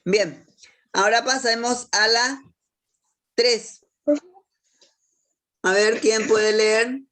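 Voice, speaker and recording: Slow-speaking woman teacher. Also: fairly high pitch, steady tone, fairly bright tone, a little hiss or hum. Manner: asks questions and praises answers. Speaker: language teacher. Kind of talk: classroom instruction.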